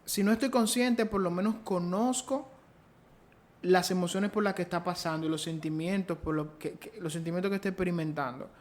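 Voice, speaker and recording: Woman, lowish voice, podcast interviewer, casual, questioning. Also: fairly quick, darkish tone. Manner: questioning, thinks aloud with restarts.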